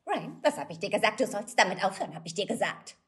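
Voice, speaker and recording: A woman's voice: mid-range voice, very animated, quick pace, fairly bright tone. A woman voicing a spoiled, bossy teenage diva who scolds in a condescending way. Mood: scolding. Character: spoiled bossy teen girl, bitchy diva.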